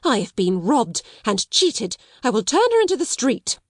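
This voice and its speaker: A woman's voice: medium pitch, very animated, a little fast, dry recording, studio quality, lightly acted. A woman voicing a stern, bitter schoolmistress in a storybook, with a biting, domineering delivery. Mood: furious. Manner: fierce, biting, commanding.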